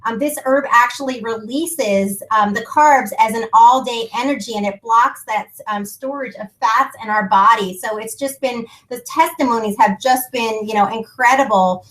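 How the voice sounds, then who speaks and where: On a business conference call, a woman hosts and presents a product in an enthusiastic, informal sales pitch built on testimonials. Her voice is a little high and a bit bright, and she speaks at a moderate pace with few pauses. The audio is poor.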